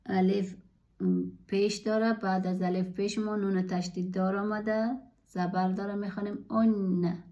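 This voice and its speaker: A woman's voice: mid-range voice, level tone, mellow. Patient woman teacher. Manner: patient, drills each sound three times. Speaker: Quran reading teacher. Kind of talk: recitation lesson. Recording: dull lo-fi recording.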